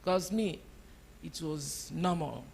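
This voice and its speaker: A woman's voice: low voice, slow pace, vocal fry, a little mellow, slight background noise. A woman speaking at a church conference to a live audience, emphatic and repeating her key phrases.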